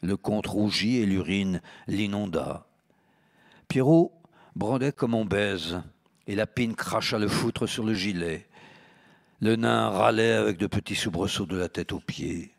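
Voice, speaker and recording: A man, an actor, reading a literary text aloud at a live event, measured and deliberate, correcting his own slips. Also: on the low side, gravelly.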